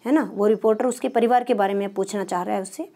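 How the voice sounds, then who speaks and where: A woman's voice: mid-range voice, fairly even intonation, quick pace, dark tone. A woman teaching a primary school lesson, patient and explanatory, asking questions and answering them herself. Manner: patient, asks and answers her own questions.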